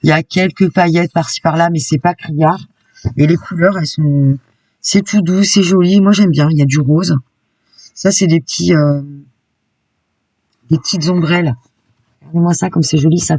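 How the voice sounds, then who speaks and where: Gravelly-voiced woman chatting through a haul. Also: sits low, dark tone, no echo, recorded from a distance. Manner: chatty and enthusiastic, peppered with "hein". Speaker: craft YouTuber. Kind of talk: casual shopping haul vlog.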